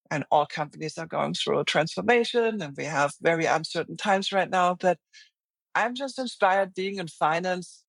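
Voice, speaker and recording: Her voice sits fairly low, with no echo in the room. This middle-aged German-accented finance executive is a guest in an interview conversation, answering earnestly and thoughtfully while frequently starting over.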